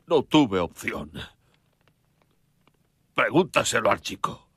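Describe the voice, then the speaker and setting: An actor in a dubbed film playing a wounded, vengeful frontier father who barks harsh orders at his sons, with a husky, gravelly voice. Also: medium pitch, very animated, takes it slowly, fairly bright tone, no echo, full character voice.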